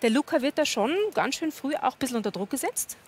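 A woman's voice: high-pitched, lively intonation, fast talker, a little hiss or hum. A woman in her thirties hosting a TV talk show, asking friendly, curious questions in a studio. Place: TV studio with audience.

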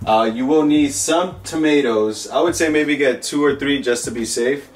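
A young man from the Bronx, speaking with a New York accent in a mid-range voice at normal speed, casually demonstrates a recipe in his home kitchen. He walks through it step by step, relaxed and laughing often, with faint music behind him.

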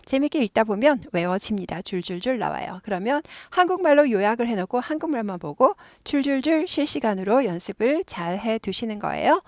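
A woman teaches English with a slightly high, gravelly voice. She explains phrases lively and repeats them for drills. The sound is dry and close. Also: fairly quick, hardly any pauses, no room sound. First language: Korean.

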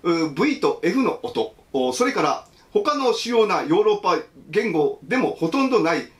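A man's voice: high-pitched, very animated, normal speed. A man hosting a casual livestream, reading viewer comments aloud and chatting about each one, laughing often. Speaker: host.

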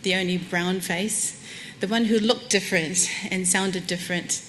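A woman of Samoan heritage from New Zealand gives a candid keynote at a lectern on a conference stage, speaking into the lectern microphone. Her lowish voice is steady and moderately paced, warm and self-deprecating with light laughs. The recording is low quality, with a little hiss or hum.

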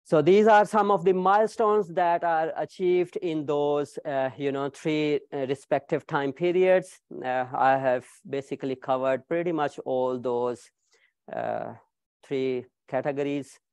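A man in his thirties giving an academic keynote lecture in a small seminar room, speaking with animated gestures and frequent fillers. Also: fairly high pitch, unhurried, smooth, dry recording. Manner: animated, gestures while pacing, frequent "uh, you know" fillers. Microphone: far room camera.

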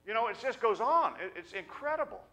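In a small church, a middle-aged pastor speaks into a pulpit stand mic, reading from scripture and preaching in an earnest, chatty manner with halting restarts. His voice is very high-pitched, pushed and bright, with lively intonation.

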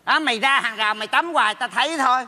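A blunt teasing neighbor. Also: male voice, very high voice, pushed and bright, in a large hall, full character voice. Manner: teasing, blunt, rapid scolding. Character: blunt meddling male neighbor friend. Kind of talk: stage comedy sketch. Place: theater stage.

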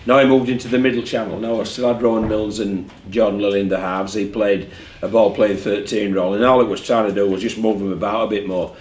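A man's voice: fairly low pitch, steady tone, quick pace, few pauses, darkish tone. A man, a rugby league head coach speaking candidly at a post-match press conference, often repeating words as he thinks. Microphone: desk mic in front of him. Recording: echoey room with faint background hum.

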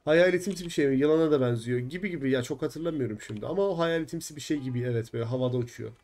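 Young male streamer, mid-range dark voice, casual and easily irritated, cursing at glitches. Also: medium pitch, rapid-fire. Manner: frustrated, swears often, chats with viewers. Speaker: gaming streamer. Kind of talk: live game stream chat.

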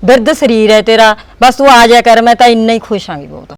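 A woman's voice: fairly high pitch, smooth, dry recording, lightly acted. A woman playing a caring married daughter with a Punjabi accent, talking with her old mother. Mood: earnest. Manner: quick, pleading. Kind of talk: village drama acting.

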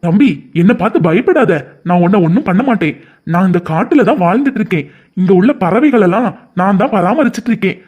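A woman's voice: mid-range voice, expressive, fast talker, darkish tone, slightly rough, pitched below the performer's own voice. A woman with a Kanyakumari Tamil accent voicing a kindly, mysterious man of the forest in a cartoon story, soothing and reassuring.

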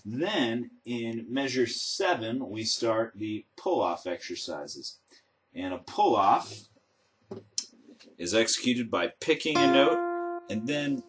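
A man giving a methodical, step-by-step guitar lesson as a teacher, explaining in a measured way. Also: medium pitch, animated. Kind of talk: instructional demonstration with step-by-step explanation. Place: indoor room with instruments. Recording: acoustic guitar playing around the voice. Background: acoustic guitar notes and plucking.

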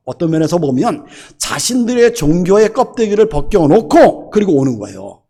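A middle-aged male pastor delivers a sermon with a high, very lively voice. He keeps throwing rhetorical questions at his listeners, and his pitch swings widely from line to line. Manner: animated, rhetorical questions to the congregation. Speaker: senior pastor.

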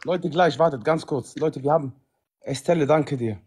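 A man's voice: fairly high pitch, normal speed, a little mellow, slightly rough. A man in his thirties bantering on a livestream, slangy and repetitive, calling out to viewers. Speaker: livestream host. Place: indoors, living room. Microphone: phone at arm's length.

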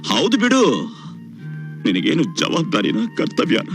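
A grieving son, voice swinging wildly. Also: male voice, on the high side, huge pitch swings, measured pace, fairly bright tone, soft background music, exaggerated voice. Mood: reproachful. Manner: emotional, reproachful then pleading. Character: grieving young adult son, bitter yet tender. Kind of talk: film drama acting. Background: film score over the dialogue.

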